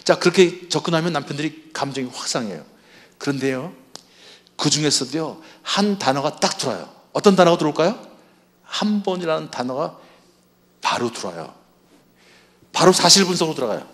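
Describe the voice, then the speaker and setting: A man's voice: on the high side, lively intonation, a little fast, long pauses. A man speaking at a church marriage seminar. He asks the audience questions and acts out what spouses say to each other. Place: church hall before an audience.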